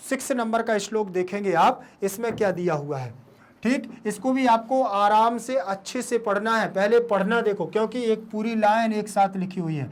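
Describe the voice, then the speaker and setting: A teacher patiently explaining a Sanskrit verse and drilling its pronunciation word by word with students. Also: medium pitch. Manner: slow, patient, addresses students as "बेटा".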